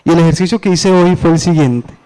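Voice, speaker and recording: A man preaching a sermon, moving between slow, low pleading and raised, urgent questions. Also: warm tone, clear, resonant tone, poor audio.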